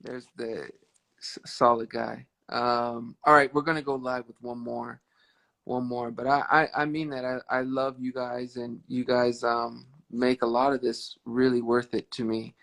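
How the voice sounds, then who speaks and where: A man in his thirties hosting a casual livestream chat with a fan, warm and often repeating words as he thinks. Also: medium pitch, level tone, a little slow, vocal fry, poor audio. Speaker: livestream host. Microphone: phone on a live video stream.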